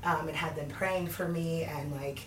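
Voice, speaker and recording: Laughing often and leaning on plenty of fillers, a candid guest in her thirties rambles through the story of her faith during an interview. She speaks at normal speed in a lowish, steady-toned voice, slightly distant from the mic, in an echoey space with faint ambient noise.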